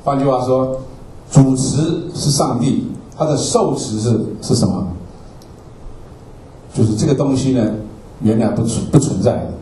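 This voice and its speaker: Dark-voiced man teaching in a roomy hall. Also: mid-range voice, moderate pace, long pauses, slight background noise. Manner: repetitive, explanatory, ends phrases with "ah" and asks "okay?". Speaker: Bible teacher. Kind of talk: slide-based Bible class lecture. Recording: roomy, distant mic with faint ambience.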